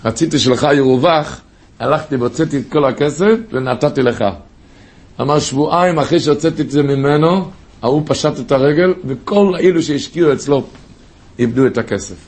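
Male preacher, impassioned storytelling sermon, high voice, gravelly texture. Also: a little mellow. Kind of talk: sermon with stories.

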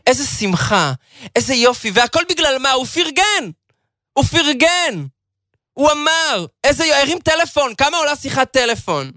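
A man's voice: extremely high pitch, dry recording, studio quality. A man giving a storytelling Torah talk, acting out the people in his tale and slipping into a sing-song chant. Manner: animated, acts out the people in the story. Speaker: religious lecturer.

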